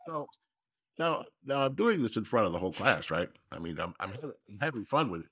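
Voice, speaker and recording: An older man from Minnesota, a guest telling a story in a casual, animated way, laughing as he goes. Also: fairly low pitch, a little fast, husky.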